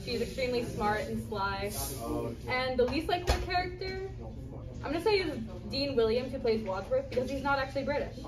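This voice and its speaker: A woman's voice: high-pitched, animated, brisk, far from the mic, music in the background. A teenage girl in the school play's cast answering interview questions casually, with hesitant fillers, in a school hallway. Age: teens. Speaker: student cast member. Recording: echoey hallway, mic held away, noisy crowd.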